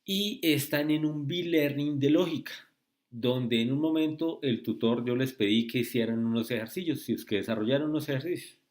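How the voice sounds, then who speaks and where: A man tutoring logic in a screen-recorded lesson, speaking slowly and often checking with "¿sí?" and "¿listo?". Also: mid-range voice, a little mellow. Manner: slow, repetitive, asks rhetorical checks.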